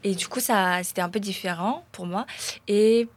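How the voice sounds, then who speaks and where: A woman's voice: medium pitch, normal speed. A young woman who learned French as a second language, speaking hesitantly in a casual group discussion. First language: not French.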